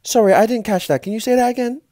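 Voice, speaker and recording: A woman playing a brisk, cheeky automated helpline menu in a comedy skit, with sing-song scripted politeness. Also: on the high side, warm tone, no echo, studio quality, close to an everyday voice. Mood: unhelpful. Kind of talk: comedy skit, mock recorded announcement.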